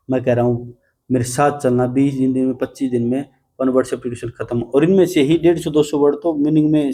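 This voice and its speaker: Man teaching vocabulary, coaxing and dark-voiced. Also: medium pitch. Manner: coaxing, repeats "ठीक है बेटा", playful mnemonics. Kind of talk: classroom vocabulary lesson.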